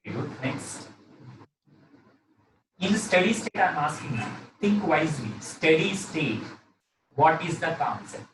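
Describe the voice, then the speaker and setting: A man's voice: fairly high pitch, big pitch swings, a little slow, pauses often. Male teacher, South Indian accent, live lesson delivery with repeated phrases; roomy, noisy recording. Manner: repeats phrases, often tags with "okay". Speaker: physics teacher. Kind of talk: live lesson, working through problems and questioning a student. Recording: roomy echo, distant mic, noisy background.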